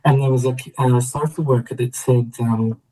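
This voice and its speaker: A man's voice: medium pitch, fairly even intonation, normal speed, mellow, poor audio. A middle-aged Australian man, a guest in a casual interview, telling his story reflectively with a laugh now and then. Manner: reflective, laughing, many restarts.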